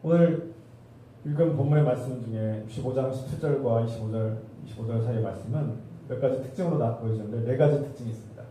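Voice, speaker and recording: Preaching man, mellow, echoing from afar. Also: mid-range voice, quick pace, slight background noise. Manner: preaching with rhetorical questions to the congregation. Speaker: pastor. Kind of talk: sermon. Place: church sanctuary. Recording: distant roomy church recording.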